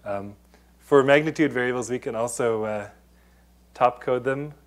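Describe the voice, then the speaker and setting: A man's voice: medium pitch, normal speed. A man giving an academic presentation, explaining step by step with many restarts and fillers. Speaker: presenter on data confidentiality. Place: lecture room.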